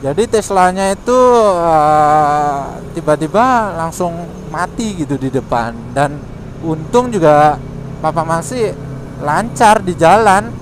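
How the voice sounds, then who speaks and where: A chatty man narrates his scooter ride in a fairly high voice. He exclaims often as he talks through city traffic. Steady wind and traffic roar sit under his helmet-mic recording. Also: slow. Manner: chatty, exclaims often, laughs between remarks. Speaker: motovlogger. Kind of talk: casual motovlog commentary while riding. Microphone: helmet intercom mic.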